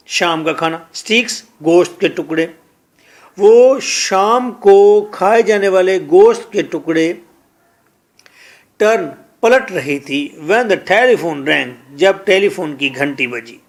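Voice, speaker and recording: High-voiced Pakistani man teaching a lesson. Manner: reads English slowly, then explains in Urdu, repeating words. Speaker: English teacher. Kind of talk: line-by-line Urdu translation lesson.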